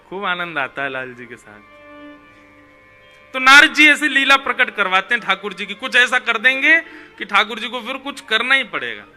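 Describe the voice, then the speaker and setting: A man telling a devotional story in a lively, animated way, putting on the voices of the figures in it. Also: high-pitched. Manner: animated, voices the figures in his tale, chuckles.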